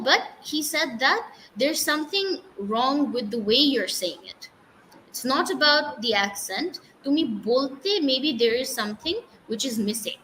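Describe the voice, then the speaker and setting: A woman's voice: high voice, bright, forceful tone, slight background noise, rough recording. A woman from Bangladesh, an English teacher, talking casually in an interview with many fillers and restarts. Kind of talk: casual interview talk, mixing English and Bengali.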